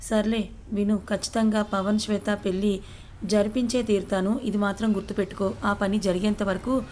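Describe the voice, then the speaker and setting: Determined young wife, the narrator's own voice: firm, mellow, even. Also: female voice, mid-range voice, normal speed, slight background noise, natural voice. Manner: firm, resolute.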